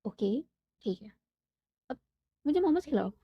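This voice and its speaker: A woman's voice: sits high, very animated, unhurried, husky, dry recording, voice pushed up, heavily acted. A woman voicing a playful, bossy young bride who makes mock threats at her girlfriend. She speaks in close to her own voice. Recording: dull lo-fi dry sound.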